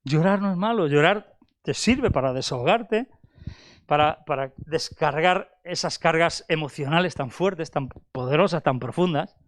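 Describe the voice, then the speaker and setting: An older man preaching a sermon, asking rhetorical questions and repeating phrases, moving between raised and hushed delivery. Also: a little high, lively intonation, unhurried, dry recording, clean studio sound.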